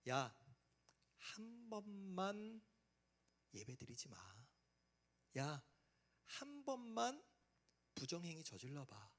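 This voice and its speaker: A man voicing a sly male devil who coaxes in a hushed voice, repeating short urgings. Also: high voice, sing-song, slow, long pauses, exaggerated voice. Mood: coaxing. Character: sly whispering male devil tempting listeners.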